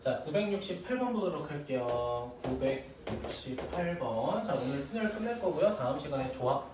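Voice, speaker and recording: A man's voice: a little high, big pitch swings, moderate pace. A man teaching a math class, joking and teasing his students as he explains. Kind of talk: classroom lecture. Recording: echoey room, recorded from a distance with noise.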